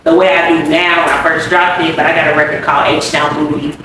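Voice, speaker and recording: A woman's voice: low-pitched, level tone, a little fast. A woman rapper from Louisville talking casually in an interview, laid-back and saying "you know" a lot. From Louisville, Kentucky. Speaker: rapper guest. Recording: echoey room from a distance with background noise.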